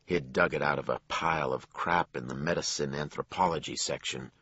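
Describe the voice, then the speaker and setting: A man narrating a crime thriller audiobook in a measured storytelling voice. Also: steady tone, bright, forceful tone, husky, lo-fi sound. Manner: low, measured storytelling with acted dialogue.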